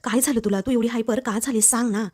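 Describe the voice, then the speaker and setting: A woman's voice: on the high side, steady tone, fast talker, darkish tone, no room sound, studio quality, natural voice. A woman voicing a worried young husband begging his wife to talk, inside a serial recap. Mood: pleading. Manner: pleading, coaxing.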